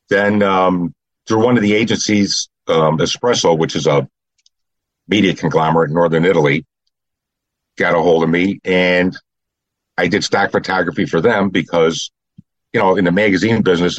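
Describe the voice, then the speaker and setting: Deep husky older Chicago man. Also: no echo, dull audio. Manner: plain, matter-of-fact storytelling. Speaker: guest, retired cop and photographer. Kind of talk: casual chat.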